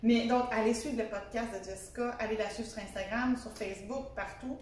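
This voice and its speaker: A woman's voice: a little high, steady tone, brisk, darkish tone. A woman with a Québécois French accent conducting a casual conversational interview as a fellow interior designer. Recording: very echoey room, distant mic, faint noise.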